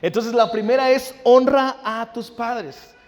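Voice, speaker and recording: A man's voice: very high voice, steady tone, takes it slowly, dull audio. A male pastor, preaching a sermon, often checking in with listeners and acting out family conversations. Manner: acts out family dialogue in anecdotes. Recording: long hall reverb.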